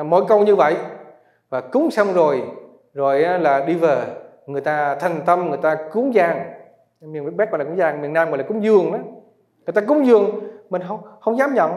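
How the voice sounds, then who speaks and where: A man's voice: high-pitched, darkish tone. A man, a Buddhist monk, giving a sermon and telling stories from his own life, often chuckling as he talks. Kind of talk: sermon with personal storytelling. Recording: echoey hall sound.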